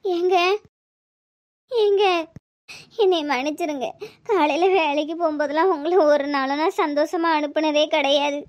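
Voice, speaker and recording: Cartoon village wife, Tirunelveli accent, very high squeaky voice, pleading and emotional, voiced by a performer. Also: normal speed, pauses often, close to an everyday voice. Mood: remorseful. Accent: Tirunelveli Tamil. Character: tearful anxious village wife. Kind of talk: cartoon voice acting.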